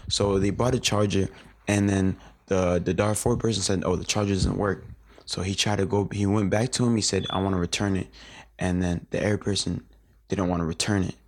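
A man's voice: low-pitched, level tone, a little fast. A young man in his late teens, a guest in a casual interview, rambling through his memories with lots of filler words and restarts.

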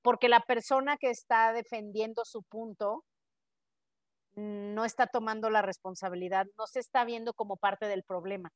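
A Mexican woman co-hosting a podcast, chatting in an animated way and acting out quoted dialogue. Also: fairly high pitch, moderate pace, no echo. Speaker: podcast co-host. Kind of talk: casual podcast chat.

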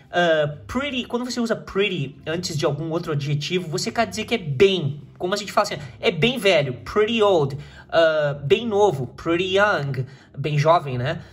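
A Brazilian Portuguese-accented teacher walks through an English dialogue in a slightly husky voice. The explanation runs at a brisk, chatty clip, then drops to slow, deliberate English sentences for the learner to copy. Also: mid-range voice, expressive. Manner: explains step by step, repeating English phrases slowly and clearly. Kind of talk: video reading lesson explaining English in Portuguese.

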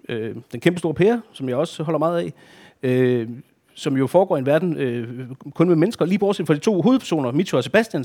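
A man talking about children's books, then reading a chapter aloud with expression. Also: on the high side. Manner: expressive, animated. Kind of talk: book talk and reading aloud.

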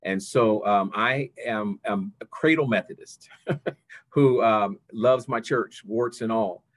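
An older man answering interview questions over a video call, halting often as he searches for phrasing. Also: on the low side. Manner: halting, hesitant phrasing with frequent pauses. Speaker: interview guest, church district superintendent.

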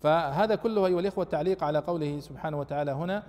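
A man leads a fast-paced lesson on scripture commentary, his voice a bit higher than most men's. He pushes hard with emphasis on the verses he quotes, and his voice carries a long hall reverb. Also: darkish tone. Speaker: teacher of Quran exegesis.

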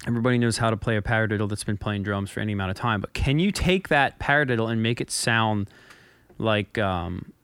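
Male podcast host, smooth resonant voice, dry close sound, rambling anecdotes. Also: fairly low pitch, quick pace, fairly bright tone, dry recording. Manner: storytelling, rambling with restarts and stutters. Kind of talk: casual chat.

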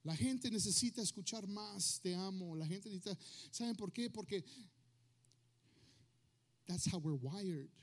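This man preaches with lively intonation in a voice that sits high, speaking unhurriedly and leaving long pauses. As a pastor addressing his congregation, he mixes Spanish with English and questions the crowd.

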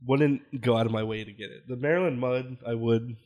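A man's voice: mid-range voice, steady tone, a little fast, a little mellow. Rambling young male podcast host. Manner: upbeat, rambling with lots of "like". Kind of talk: casual chat.

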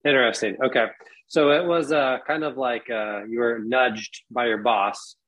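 A man's voice: medium pitch, steady tone, moderate pace, lo-fi sound. A man hosting a podcast, asking casual, hedging questions with "kind of" and "um". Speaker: podcast host. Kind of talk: interviewing a guest.

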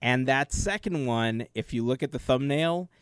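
A podcast co-host who also makes gameplay videos explains his gaming experience earnestly and at length during a casual chat. His mid-range voice is clear and resonant, delivered at normal speed in a dry recording.

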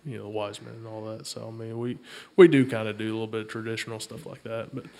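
A married man chatting casually as a co-host, loud and quick to laugh at himself. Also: fairly low pitch, little pitch movement, creaky. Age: adult, married. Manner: loud, laughing, self-mocking. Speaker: podcast co-host. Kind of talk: casual chat.

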